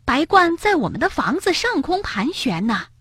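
A woman voicing an eager, cheerful little rabbit in a children's story, talking in a high, bouncy way. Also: sing-song, moderate pace, a bit bright, no room sound, clean studio sound. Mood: excited.

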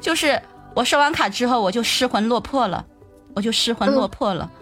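Brief: young woman, animated storyteller, stammers on repeated words, questions her audience, slightly high voice. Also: brisk, soft background music. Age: young adult.

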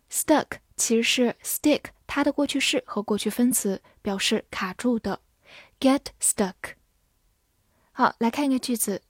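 A Mandarin-speaking woman gives a scripted English vocabulary lesson at an unhurried, deliberate pace. She spells out each word letter by letter and carefully reads example sentences in a fairly high voice. The sound is dry, with no room echo. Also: darkish tone, breathy edge. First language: Mandarin Chinese.

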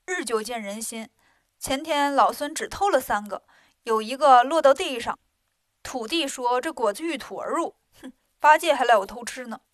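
A woman's voice: high voice, moderate pace, no room sound, clean studio sound, natural voice. A woman voicing a cocky, boastful male monkey king who talks brashly and snorts at others. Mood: cheeky.

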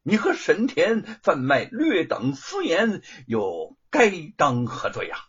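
A man's voice: on the high side, huge pitch swings, a little slow, slightly rough, dull audio, exaggerated voice. A man doing a defiant indignant scholar. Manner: forceful, indignant, rhetorical. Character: defiant young male scholar, proud and indignant.

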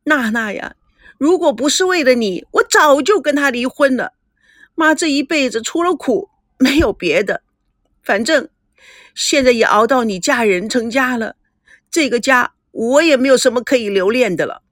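A woman's voice: sits high, expressive, normal speed, fairly bright tone, no room sound, studio quality. A woman voicing a weeping middle-aged mother who speaks in broken sobs. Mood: sobbing. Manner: sobbing, broken speech.

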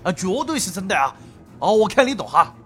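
Loud sly antique hawker, Sichuan accent, high raised voice, swooping pitch. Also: male voice, very animated, brisk, faint music behind. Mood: boastful. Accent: Sichuan Mandarin. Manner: loud hawking, sly and wheedling. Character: boastful hawking street antique vendor, middle-aged man.

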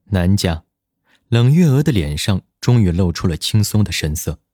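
Brief: male audiobook narrator, low, steady, dry close mic. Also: normal speed, no room sound.

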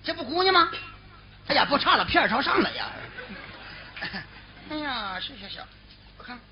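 A woman's voice: high voice, big pitch swings, moderate pace. A woman playing a brash young brother-in-law in a comic stage duet, with a Northeastern Chinese accent and teasing, boisterous banter. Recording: slightly dull recording with faint noise.

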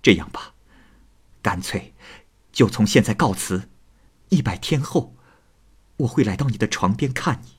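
A man voicing a devoted fox spirit woman who scolds in a soft, hushed way. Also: on the low side, lively intonation, a little slow, pauses often, husky, full character voice. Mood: weary scolding.

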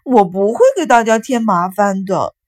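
Woman doing a whiny excitable little boy. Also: moderate pace, lightly acted. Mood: whiny, excited. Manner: high, pleading and shouty.

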